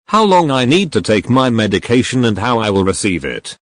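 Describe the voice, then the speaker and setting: A man's voice: medium pitch, very animated, fairly quick, no room sound, clean studio sound, close to an everyday voice. A man playing an anxious elderly hospital patient in a scripted role-play, speaking politely and formally. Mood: worried, polite. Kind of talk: scripted role-play dialogue for exam practice.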